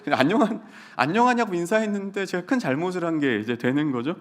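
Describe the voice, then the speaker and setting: A man's voice: high-pitched, quick pace. A male pastor giving a humorous sermon, telling stories and acting out his students' voices. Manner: animated storytelling, acts out students in quoted voices.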